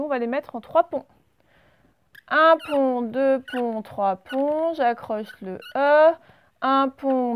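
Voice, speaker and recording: Woman, primary teacher, higher-pitched, unhurried, handwriting lesson. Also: clean tone. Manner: slow, patient step-by-step dictation. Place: classroom at a blackboard.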